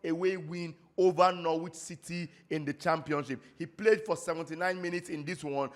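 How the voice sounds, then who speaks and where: A man's voice: fairly high pitch, steady tone, normal speed. A Nigerian man hosting a casual football roundup, chatty and stumbling over foreign names now and then, slipping into pidgin asides. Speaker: football show host.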